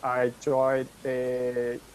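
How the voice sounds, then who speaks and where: A man introducing himself on a video call with halting, brief answers. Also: mid-range voice, completely flat delivery, a little mellow, slight background noise. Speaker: meeting participant.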